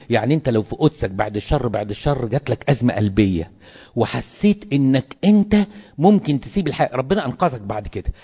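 Speaking to other clergy in a lively sermon style, an Egyptian Arabic-accented priest keeps posing rhetorical questions. He has a mid-range voice, and the sound is lo-fi.

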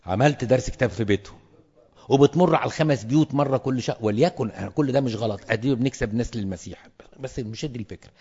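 A quick-talking Egyptian clergyman with a husky, slightly rough voice lectures fellow priests. He presses his points home by repeating them. The sound is dull and carries a long hall echo. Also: mid-range voice, a little mellow. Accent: Egyptian Arabic. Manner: emphatic, repeats words for stress.

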